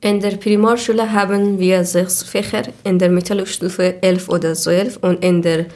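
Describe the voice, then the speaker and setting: A woman's voice: lowish voice, level tone, normal speed, a little mellow. A woman, answering interview questions carefully with small slips. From Afghanistan. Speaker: interview guest. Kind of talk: scripted answers.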